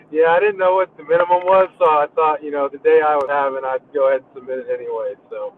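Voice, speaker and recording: A man's voice: on the high side, fairly even intonation, brisk, slight background noise. A man calling in as a tournament angler, talking casually and apologizing as his connection breaks up and cuts out. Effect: breaking-up call connection that cuts out. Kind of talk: casual chat over a call. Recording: tinny phone-like call line.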